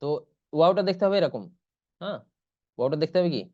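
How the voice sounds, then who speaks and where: A man's voice: on the high side, animated, no echo. Patient man teaching letters over muffled audio. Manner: patient, repeats each letter slowly several times. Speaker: Quran teacher. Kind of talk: online class lesson. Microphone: computer or headset mic in an online class.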